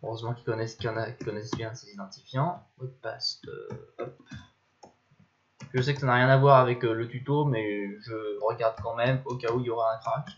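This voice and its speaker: A man's voice: medium pitch, fairly even intonation, quick pace, hardly any pauses. Young guy, mid-range voice, chatty tutorial narration that rambles and mutters. Muffled lo-fi mic. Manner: rambling, thinks aloud, mutters at software. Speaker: tutorial maker. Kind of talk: casual screen-recorded tutorial. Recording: dull lo-fi mic.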